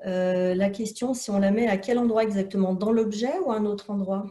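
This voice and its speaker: A woman's voice: medium pitch, brisk, warm tone. A woman moderating an online workshop, politely passing on a question from the audience.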